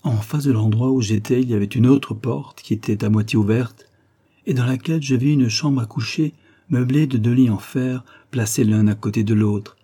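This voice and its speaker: A man reading a literary story aloud in a measured, even narrating voice. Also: mid-range voice. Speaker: audiobook reader.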